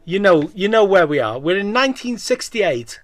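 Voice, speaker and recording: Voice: medium pitch, very animated, moderate pace, over loud music. A folk club singer, introducing a song at home during lockdown in a rambling, self-mocking way full of stumbling restarts. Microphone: online session.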